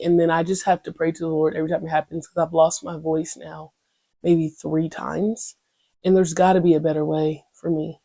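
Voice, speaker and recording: With a fairly low, warm voice and no echo, a young woman runs a casual solo podcast. She talks candidly and rambles in slang, peppering everything with "you know what I'm saying."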